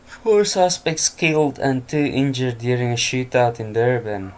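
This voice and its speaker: Tired, slow-talking man reading headlines. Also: medium pitch, darkish tone. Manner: tired, reading headlines aloud with offhand remarks and chuckles. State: exhausted, yawning. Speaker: news commentator. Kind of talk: casual news commentary from home.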